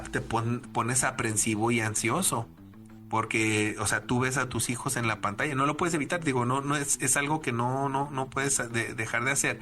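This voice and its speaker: A man's voice: mid-range voice, sharp tone. A middle-aged man co-hosting a casual film discussion podcast, rambling with frequent restarts. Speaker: podcast co-host.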